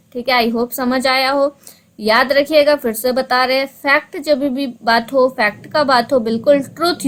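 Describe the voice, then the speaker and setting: A woman teaching English for exams, who asks and answers her own questions, repeats key points, and reads the English options slowly, word by word. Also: high voice, a little hiss or hum, rough recording. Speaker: English teacher for exam prep. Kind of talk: explanatory online lesson.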